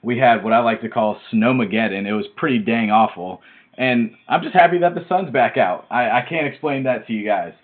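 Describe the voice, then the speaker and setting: Excitable man hosting a tinny podcast. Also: medium pitch, a little fast. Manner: excitable, chatty, easily fired up. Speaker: podcast host. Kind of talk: casual podcast chat. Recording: tinny phone-like audio.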